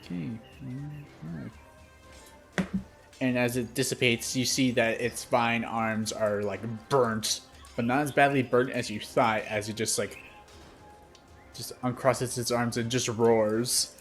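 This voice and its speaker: A man's voice: medium pitch, steady tone, slow pace, faint music behind. A young man running a tabletop game as game master, narrating scenes loosely and peppering his descriptions with "like".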